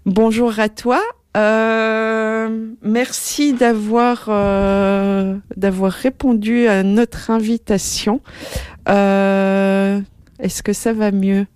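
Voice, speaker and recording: A woman's voice: mid-range voice, flat delivery, extremely slow, a little mellow, smooth, no echo. A woman hosting a radio interview, hesitant with many fillers, speaking into a headset. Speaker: radio host.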